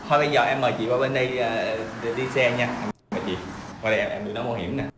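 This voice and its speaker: A man's voice: medium pitch, steady tone, very fast, natural voice. A man playing a motorbike taxi driver, chatty and soothing, with a Southern Vietnamese accent. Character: easygoing young male motorbike taxi driver. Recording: roomy room with noise.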